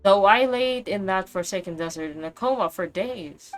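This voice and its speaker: A woman voicing a calm, kindly older male weapon engineer as she reads game dialogue aloud, steady and explanatory with small slips. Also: mid-range voice, moderate pace, no echo, faint music behind, lightly acted, low-quality recording. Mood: recounting.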